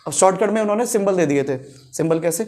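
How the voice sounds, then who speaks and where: A man's voice: high voice, fast, darkish tone. A man with a Hindi accent teaching a math class, who keeps quizzing his students with repeated questions. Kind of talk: classroom lecture.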